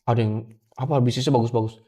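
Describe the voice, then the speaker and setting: Speaking fast with fairly even intonation, a young man in a medium, dark-toned voice recounts a painful personal experience to his interviewer. As a guest, he frequently and respectfully addresses the host as "Pak," or sir.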